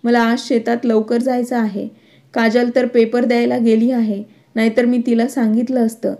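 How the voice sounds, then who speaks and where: A woman's voice: a little high, little pitch movement, normal speed, mellow, lightly acted. A woman voicing a mild, patient older farmer and father-in-law in a storybook reading.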